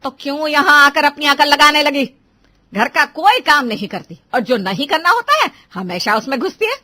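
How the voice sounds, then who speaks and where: A woman voicing a stern older mother-in-law in a cartoon who is quick to scold. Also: lively intonation, a bit bright, no echo. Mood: angry. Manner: scolding, shrill when angry. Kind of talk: cartoon voice acting.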